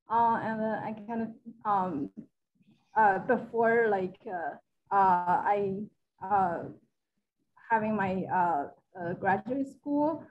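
Young woman from China, fairly high voice, halting talk on a slightly dull video call. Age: young adult. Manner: hesitant, many fillers and restarts. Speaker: guest speaker. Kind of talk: casual presentation on a video call. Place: living room with a large wall mural. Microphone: video call, laptop camera.

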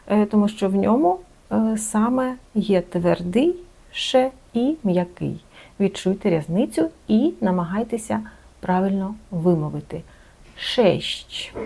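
A woman teaching a language lesson, saying words slowly and carefully to show their pronunciation. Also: mid-range voice, creaky, mellow. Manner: careful, drawn-out word-by-word pronunciation.

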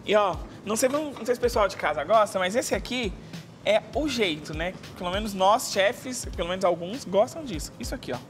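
A man's voice: sits high, lively intonation, a little fast, fairly bright tone, soft background music. A man who is a chef, giving a chatty cooking demonstration on a TV studio set. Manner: instructive, chatty. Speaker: guest chef. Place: TV studio kitchen.

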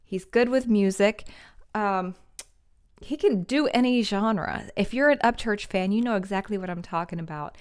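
A woman's voice: mid-range voice, moderate pace, clear, resonant tone. Chatty woman reacting to music. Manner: enthusiastic, chatty, laughs often. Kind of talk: casual reaction commentary. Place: small decorated home room with string lights. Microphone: studio condenser mic on stand.

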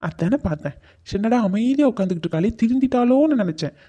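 A woman's voice: a little high, expressive, fast talker, dark tone. A woman voicing an affectionate young husband in a cartoon drama, coaxing and apologetic. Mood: musing, teasing.

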